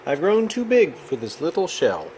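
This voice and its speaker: A man's voice: fairly high pitch, wildly swooping pitch, normal speed, darkish tone, a little hiss or hum, pitched above the performer's own voice, rough recording. Man voicing an earnest, fretful little hermit crab. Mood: anxious. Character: polite, fretful young male hermit crab seeking a home.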